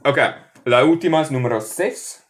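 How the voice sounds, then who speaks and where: An American man with a Northern US accent, a native English speaker, teaching English in Spanish with slow, drawn-out model phrases in a live online lesson. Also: a little high. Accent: Northern US (Michigan). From United States. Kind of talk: live online lesson, reading chat questions.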